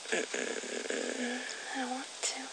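A man voicing a playful young woman who teases in breathy whispers. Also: sits high, drawn-out words, background noise, voice pushed up, exaggerated voice. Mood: teasing.

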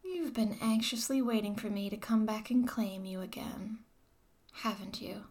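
A woman playing a mocking, controlling former dominatrix in a whispered audio roleplay, talking to the listener in a slow, taunting way. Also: medium pitch, darkish tone, close to an everyday voice.

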